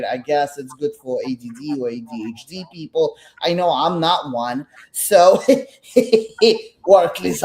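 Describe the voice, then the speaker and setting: As the artist guest in a casual interview, a middle-aged Belarusian woman speaks haltingly with many fillers and restarts, her Russian Brooklyn accent reflecting Russian as her first language. She is low-pitched and a little mellow, and the audio quality is poor.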